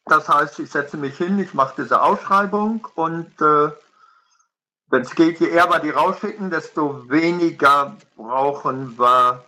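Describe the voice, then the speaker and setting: A man in a party board meeting speaking briskly and often correcting himself mid-sentence. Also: fairly high pitch, sharp tone, rough recording. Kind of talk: meeting discussion.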